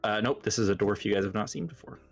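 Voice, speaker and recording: A man with a fairly low voice narrates a tabletop game as its game master. His delivery is casual and somewhat halting, with faint music underneath.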